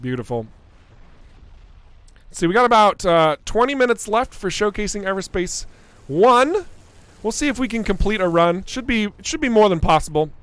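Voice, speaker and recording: A young man with a high, smooth voice chats through a live gameplay stream, playful and excitable and quick to laugh. He reacts to his viewers' comments as he plays. The sound is close and dry, with no room echo. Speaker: game developer streaming gameplay.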